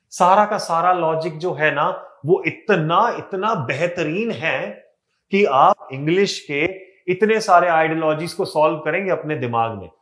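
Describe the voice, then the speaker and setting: A man's voice: fairly high pitch, fairly bright tone. A man teaching an online exam-prep lesson in a mix of Hindi and English, with an Indian accent, explaining step by step and asking and answering his own questions.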